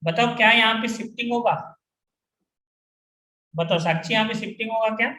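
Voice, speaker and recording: A man's voice: high voice, brisk, pushed and bright. A man teaching chemistry to a class, repeatedly firing questions at his students and drilling the answers. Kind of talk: classroom lecture. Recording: echoey room.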